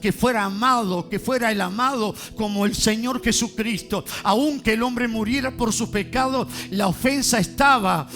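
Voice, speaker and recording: A man preaching a sermon in a church, fervent, calling on the congregation to answer and rising to shouts. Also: high voice, steady tone, normal speed, hardly any pauses, faint music behind. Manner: fervent, builds to shouting, calls on congregation to respond.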